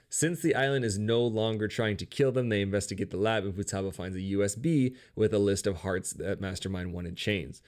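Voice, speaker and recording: A man narrates a video game's story in a loose, comedic recap. His voice sits on the low side. He delivers it with sarcastic, profane wisecracks. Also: darkish tone.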